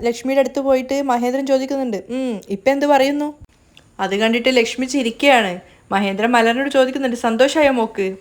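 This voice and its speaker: A woman retells a serial episode in a chatty, conversational way, now and then correcting herself mid-phrase. Her voice sits fairly high. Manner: conversational with small self-corrections. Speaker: narrator.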